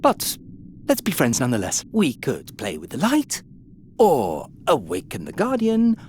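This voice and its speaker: A woman voicing a sly demonic talking staff in a fantasy video game, theatrical and mock-servile, with a gravelly creak. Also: a bass voice, huge pitch swings, measured pace, darkish tone, slight background noise, heavily acted. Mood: gloomy, theatrical. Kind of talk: video game character acting. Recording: game ambience behind the voice.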